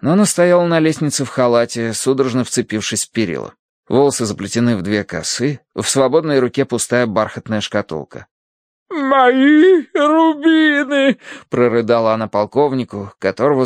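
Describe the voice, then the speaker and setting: A man narrating an audiobook in a lively, expressive way. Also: medium pitch, a little fast, dry recording, studio quality. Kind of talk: scripted narration.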